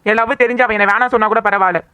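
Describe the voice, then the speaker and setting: A woman's voice: fairly high pitch, fairly even intonation, very fast, no echo, lo-fi sound, natural voice. A woman voicing a lovesick young man in a cartoon, pleading earnestly.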